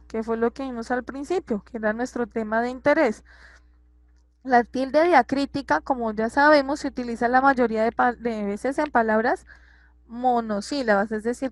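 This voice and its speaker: A woman's voice: a little high, no room sound. A woman teacher explaining a grammar lesson patiently, repeating examples and checking that her students follow.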